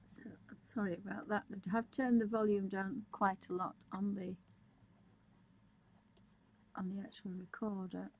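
Drawing as she goes, a digital art tutorial presenter thinks out loud in loose, unscripted commentary. She speaks at a medium pitch in a level, unhurried way with long pauses, over poor audio with slight background noise.

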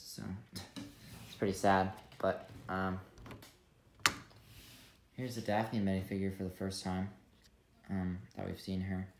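A young man casually reviewing a toy set at a table, talking loosely with lots of fillers. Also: low voice. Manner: relaxed, many fillers and trailing asides. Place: room at a table with toys. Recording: echoey room with clear background noise.

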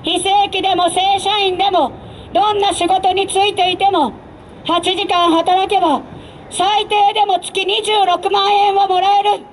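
A woman election candidate delivering an emphatic street campaign speech through a handheld microphone, in deliberate phrases with direct appeals. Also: very high voice, little pitch movement, low-quality recording. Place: outdoor urban street rally stage. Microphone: handheld mic over PA, filmed from a distance. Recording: faint outdoor street noise.

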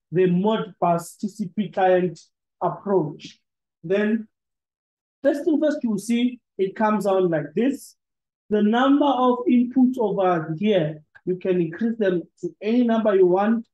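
A man's voice: high voice, dark tone, echoey room, muffled recording. A man giving a one-on-one training lesson, explaining step by step with frequent restarts. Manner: explanatory, with many restarts and filler "ne?". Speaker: PLC trainer. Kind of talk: one-on-one screen-share lesson.

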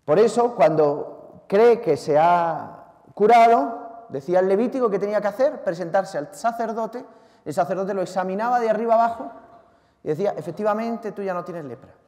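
Spanish priest, lively dramatic preacher, fairly high pitch, recorded in a reverberant church. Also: male voice, moderate pace. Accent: Spanish from Spain. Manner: lively, theatrical, shouts out acted cries, talks to listeners directly. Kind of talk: Sunday homily. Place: large church.

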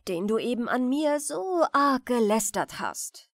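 Proud fairy rat, solemn and measured, voiced by a woman, a little high. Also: sing-song, no echo, clean studio sound. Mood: vengeful. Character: proud, dignified female rat who is a fairy.

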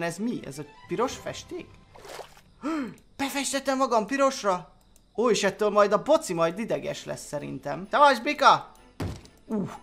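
Chatty gaming guy, voice going all over, kinda mumbly at times, game music faint behind. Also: sits high. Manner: animated, chatty, mutters under his breath. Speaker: gaming YouTuber. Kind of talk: let's play commentary and story reading.

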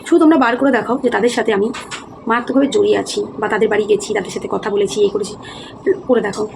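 A woman's voice: medium pitch, fairly even intonation, fast talker, gravelly. A woman vlogger talking earnestly to her viewers, explaining herself, weary and heavy-hearted. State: feeling low and heavy-hearted. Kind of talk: casual talk to viewers. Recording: noticeable background noise.

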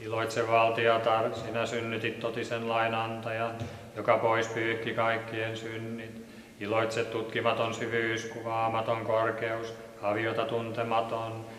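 Flat-voiced man reading prayers in church. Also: fairly low pitch, slight background noise. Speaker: liturgical reader. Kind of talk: monotone liturgical prayer reading. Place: large stone church. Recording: echoey church with long reverb.

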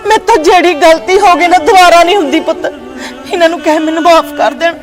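A woman's voice: very high-pitched, fast talker, music in the background. A woman playing a scheming middle-aged mother-in-law in a family skit, pleading and tearful. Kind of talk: village family drama skit.

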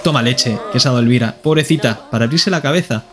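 A man with a Spain Spanish accent streams live gameplay commentary at a quick pace, playfully talking to himself and to the on-screen characters. His voice is medium in pitch.

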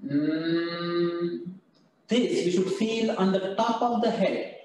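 Slow, high-voiced man guiding yoga. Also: soft background music. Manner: slow, calm step-by-step cues, switching between English and Hindi. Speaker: yoga instructor. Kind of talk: guided yoga and chanting instruction. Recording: very echoey room, voice from far off, faint ambience.

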